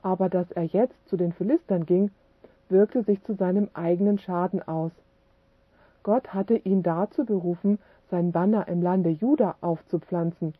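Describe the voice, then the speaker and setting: A woman reading a religious book aloud as scripted narration, steady and measured. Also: fairly low pitch, slightly rough, no room sound. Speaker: audiobook narrator. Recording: tinny phone-like dry audio.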